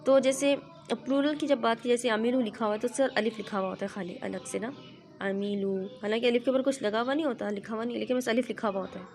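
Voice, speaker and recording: A woman's voice: on the high side, fairly even intonation, fast, darkish tone, soft background music. A woman, teaching a Quran reading lesson to a child in a patient, explanatory way, checking in often. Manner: patient, explanatory, frequent "theek hai" check-ins.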